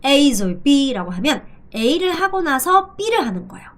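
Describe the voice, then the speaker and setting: A middle-aged native Korean speaker teaches a language in a video lesson, her high, sing-song voice repeating phrases slowly for drilling. She sprinkles in playful asides.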